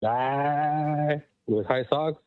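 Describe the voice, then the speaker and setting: A man's voice: on the high side, drawn-out words, clean tone. A man calling into a show on his phone while power walking, sounding muffled as if through a wall, rambling and emphatic with lots of fillers. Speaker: caller. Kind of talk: casual call-in chat. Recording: muffled, tinny, dry phone line.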